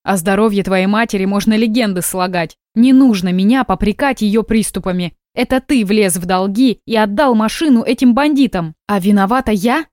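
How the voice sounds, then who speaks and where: A woman's voice: mid-range voice, normal speed, hardly any pauses, no echo, clean studio sound, close to an everyday voice. A woman reading a tired, defiant young wife who speaks sharply and indignantly, in an audiobook. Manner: weary, then sharp and indignant.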